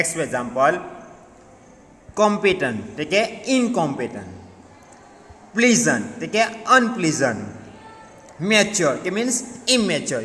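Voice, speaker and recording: A male teacher with an Indian English accent, explaining a grammar lesson and switching between Hindi and English as he repeats each word clearly. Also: a little high, fairly bright tone, a little hiss or hum. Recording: echoey room with long reverb.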